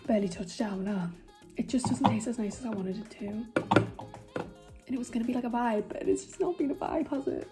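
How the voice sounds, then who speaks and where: A woman's voice: on the high side, fairly quick, music in the background. Chatty Geordie woman doing makeup. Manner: chatty, rambling, self-mocking. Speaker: beauty vlogger. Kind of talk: casual chat while doing makeup.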